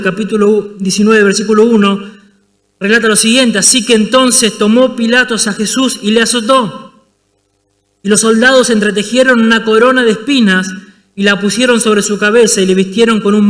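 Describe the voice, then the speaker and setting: A man with a high, bright and forceful voice preaching a sermon in an Argentine accent. He retells the scripture story with dramatic flair, and his voice rings with the long reverb of a church hall. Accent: Argentine Spanish. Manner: dramatic storytelling, acting out scenes. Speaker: pastor.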